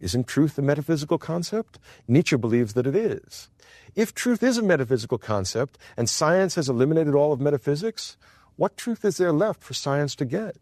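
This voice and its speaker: A man delivers a university philosophy lecture with expressive, wry energy, chuckling partway through sentences and dropping his voice low and slow to stress a point. The recording is dry.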